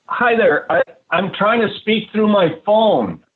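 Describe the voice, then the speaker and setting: A man giving a public comment at a board meeting over a phone line, earnest and halting, with frequent restarts. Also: high voice, animated. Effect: speaking over a phone line.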